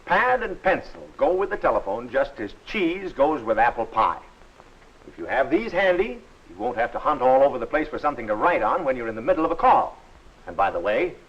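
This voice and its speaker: Husky man narrating a 1940s how-to film. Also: medium pitch. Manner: friendly, instructive and measured. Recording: dull old film soundtrack.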